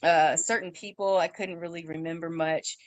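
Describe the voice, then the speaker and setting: A young woman in her twenties telling her story in an interview, halting, with fillers and restarts, and acting out what others said in a raised voice. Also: fairly low pitch, steady tone, no echo. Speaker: guest sharing her story.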